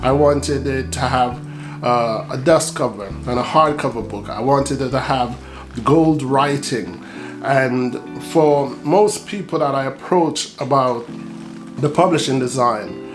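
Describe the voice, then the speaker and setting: Reflective man from Jamaica, guitar behind. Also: medium pitch. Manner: measured, reflective, many ums and pauses. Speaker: author. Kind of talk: casual talk to camera. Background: soft guitar music.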